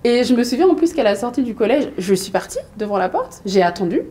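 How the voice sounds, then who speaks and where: A woman in her thirties from Mali, a business coach and guest on an interview, speaking casually with many pauses and fillers. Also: fairly high pitch, slight background noise. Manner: hesitant, many fillers and restarts, lively storytelling.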